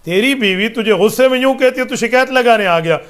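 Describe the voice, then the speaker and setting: High pitched guy giving religious advice, preachy and emphatic, lots of lists and arabic quotes. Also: fairly bright tone. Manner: emphatic and rhetorical, lists points, recites Arabic phrases. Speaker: mufti answering religious questions.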